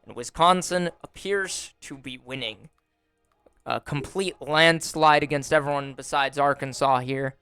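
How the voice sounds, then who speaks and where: Wry young man with a bright voice. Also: fairly high pitch, clear, resonant tone, no echo. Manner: relaxed, wry commentary with frequent fillers. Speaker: gaming YouTuber. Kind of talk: casual gameplay commentary. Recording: dry close voice over faint music. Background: faint background music.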